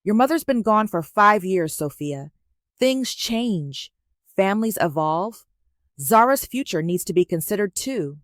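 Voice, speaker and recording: A woman's voice: mid-range voice, animated, measured pace, dry recording, clean studio sound, close to an everyday voice. A woman putting on a smug, taunting stepmother. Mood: dismissive. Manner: dismissive, sharp, taunting. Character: smug condescending middle-aged stepmother.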